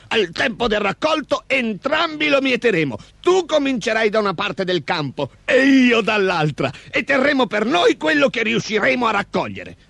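A man voicing a huge, hairy, greedy and hot-tempered male ogre in a storybook reading, with a shrieking, blustering voice pitched very high. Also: creaky, sharp tone, dry recording, exaggerated voice.

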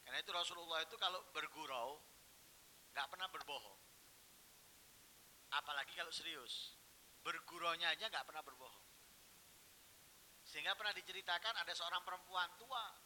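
A man preaching a sermon, telling stories and swinging from hushed, quiet phrases to loud, emphatic ones. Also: fairly high pitch, moderate pace, long pauses, slight background noise, low-quality recording.

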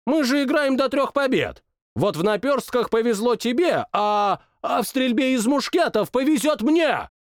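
A bratty young monarch with a shrill, whiny voice that leaps all over the place, performed by a man. He sulks, bosses and shouts at everyone around him. The audiobook sound is close and dry. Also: very animated, normal speed, dry recording. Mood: capricious. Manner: shouts orders and sulks capriciously. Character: petulant, boastful young male king, childish tyrant. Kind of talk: audiobook character voice.

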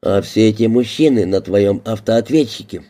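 A man's voice: fairly low pitch, moderate pace, dark tone, natural voice. A man voicing a suspicious male police detective who asks blunt, probing questions.

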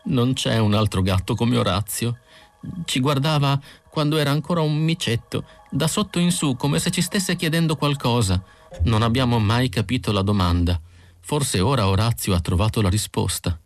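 A man's voice: mid-range voice, animated, fairly quick, no room sound, soft background music, pitched above the performer's own voice, lightly acted. A man voicing a grieving middle-aged housewife, tearful and pleading, in an audiobook reading. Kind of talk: audiobook character voice.

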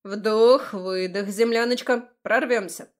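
A woman's voice: mid-range voice, normal speed, natural voice. A woman voicing a cheeky, playful male chinchilla-like familiar in an audiobook, teasing and snorting with laughter. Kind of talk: audiobook character voice.

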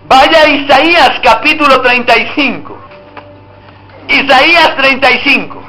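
A pastor with an extremely high, sharp voice preaches at a measured pace before a congregation, calling out emphatic exhortations. He leads call-and-response and group reading aloud, recorded in an echoey church room with soft background music.

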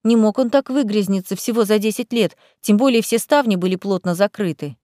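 A woman's voice: mid-range voice, a little fast, dark tone, no room sound, studio quality, natural voice. A woman reading the part of a bewildered young woman, a novice witch, who asks exasperated, startled questions. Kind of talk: audiobook character voice.

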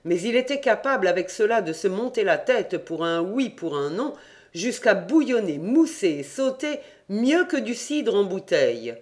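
A man reading an adventure novel aloud in first person, calm and measured. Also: sits high. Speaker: audiobook reader. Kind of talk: scripted narration of an adventure novel.

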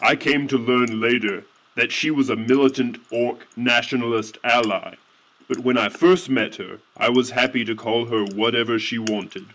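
A man's voice: mid-range voice, steady tone, normal speed, a bit bright, rough recording. A man narrating a satirical fantasy story in a mock-earnest tone with indignant outbursts.

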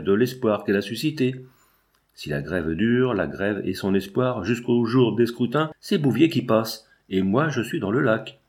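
A man's voice: on the low side, a little mellow. A man reading as a wheedling old deputy. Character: aging scheming provincial male deputy.

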